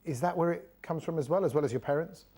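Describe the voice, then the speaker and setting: A man's voice: on the high side, fast, warm tone, breathy edge. A man interviewing a guest for television, asking questions in a friendly, enthusiastic way.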